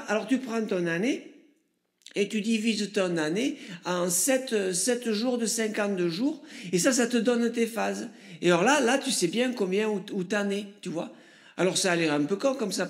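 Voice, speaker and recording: Comic sketch: a man playing a goofy high-pitched know-it-all hero, gravelly, loud and silly. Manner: silly voice, loud bright explaining. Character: goofy know-it-all male superhero character.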